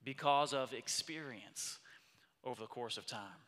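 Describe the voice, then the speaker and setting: A man's voice: mid-range voice, unhurried, pushed and bright. A man preaching a sermon in a church auditorium, talking in a conversational way that swells into passionate emphasis. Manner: passionate, conversational, builds in intensity. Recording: long hall reverb.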